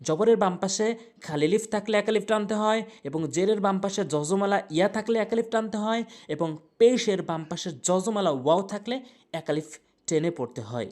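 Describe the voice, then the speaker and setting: A woman leads a recitation lesson, singing each verse slowly with long drawn-out syllables. Between verses she explains how each sound should be said and repeats words patiently to correct them. Her voice sits at an ordinary middle pitch. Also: expressive, a little mellow. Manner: alternates slow drawn-out chanted recitation with explanation. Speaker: Quran recitation teacher.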